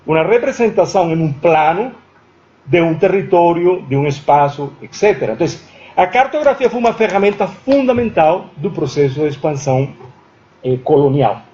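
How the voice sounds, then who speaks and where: A guest lecturer in a university lecture room thinks aloud, restarting sentences and often checking in with "certo?" after his points. His fairly high, warm voice is expressive at a normal speed, captured in a dull lo-fi recording with slight background noise.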